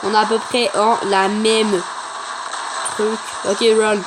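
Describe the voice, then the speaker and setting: A woman giving chatty, excitable gameplay commentary for her channel, talking to viewers and taunting opponents. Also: mid-range voice, slow pace, noisy background.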